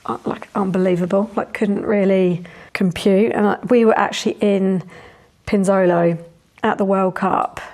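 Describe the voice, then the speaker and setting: Woman, podcast host, mid pitch, chatty, rambling, trailing sentences. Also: fairly even intonation, normal speed, a little mellow. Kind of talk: casual interview.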